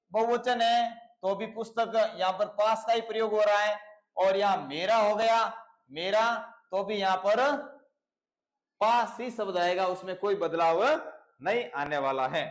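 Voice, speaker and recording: A man's voice: sits high, measured pace, poor audio. A man with a Rajasthani Hindi accent explaining exam questions as a teacher, repeating key words and checking in with his listeners. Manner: repetitive, checks in with "theek hai na".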